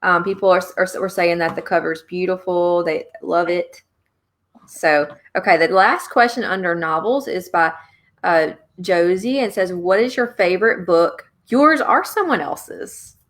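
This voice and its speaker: Hosting a live online author chat on a podcasting microphone, a woman from Louisiana speaks with a Louisiana accent in a lowish voice at a measured pace. Her style is upbeat, chatty, and rambling.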